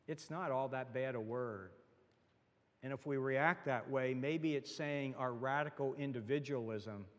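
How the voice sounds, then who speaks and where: Male pastor preaching in a reverberant church. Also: mid-range voice. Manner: earnest preaching, rising emphatic on key phrases; conversational asides to the congregation. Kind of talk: sermon. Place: church sanctuary. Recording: long reverb of a church hall.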